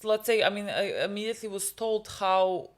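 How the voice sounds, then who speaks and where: A young woman whose first language is Serbian co-hosts a TV reaction video, chatting casually with plenty of fillers and restarts. Her voice is mid-range and her pace moderate.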